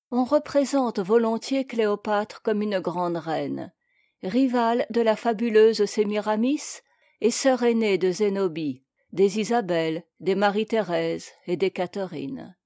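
A woman tells a historical tale in a formal, literary way. Her pace is slow and measured, and her pitch sits in the middle. The recording is dry with little room sound. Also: warm tone, no room sound. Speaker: narrator. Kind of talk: storybook narration of history.

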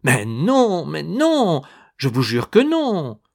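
A man reading aloud, voicing a middle-aged man who protests with impatience and then softens. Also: mid-range voice, lively intonation, takes it slowly, no echo, clean studio sound. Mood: impatient. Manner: exasperated protests.

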